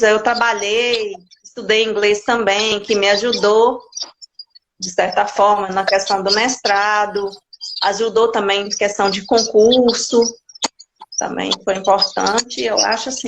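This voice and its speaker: Chatty woman on a noisy call. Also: a little high. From Minas Gerais, Brazil. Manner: chatty, candid, frequent restarts. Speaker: guest. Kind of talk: casual interview chat.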